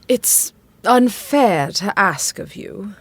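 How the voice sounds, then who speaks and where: In an audio drama, an actress voices an anxious, devoted, middle-aged widowed queen, speaking slowly and animatedly at medium pitch with a breathy edge. Her delivery is refined, earnest and emotive, with a pained, hesitant mood.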